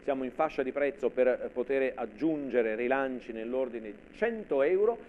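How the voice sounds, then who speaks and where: A man's voice: medium pitch, lively intonation, normal speed. A middle-aged man calling a live televised auction as auctioneer, formally repeating and counting the bids. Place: dark television studio at a desk. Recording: narrow phone-like sound with faint noise.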